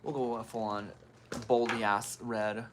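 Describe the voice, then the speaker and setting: Doing her makeup at home, a woman in her thirties hosts a laid-back livestream and welcomes commenters by name. Her bass voice comes across flat and a little slow, with noise in the background.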